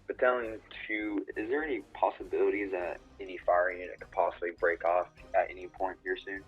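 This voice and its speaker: A man's voice: deep voice, steady tone, a little fast, husky, soft background music. A man speaking over a radio in clipped dispatch jargon for a game roleplay. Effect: heard over a radio. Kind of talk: radio procedure talk. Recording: dull lo-fi radio audio.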